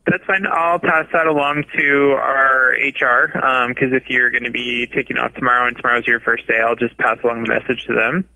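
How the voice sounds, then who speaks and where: A man's voice: medium pitch, little pitch movement, a little fast, creaky, hardly any pauses, bright, forceful tone. A man speaking politely as a store manager on a phone call. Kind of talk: polite customer service talk.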